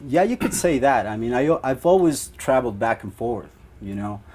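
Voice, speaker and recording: A man's voice: medium pitch, expressive, normal speed, darkish tone. A young man from Ecuador, a band guitarist, answering interview questions in a rambling way with many fillers.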